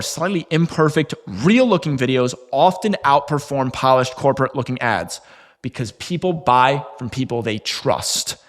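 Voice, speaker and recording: A man's voice: mid-range voice, in a large hall. A man giving a casual instructional talk to camera as a marketing coach, conversational, with fillers and occasional restarts.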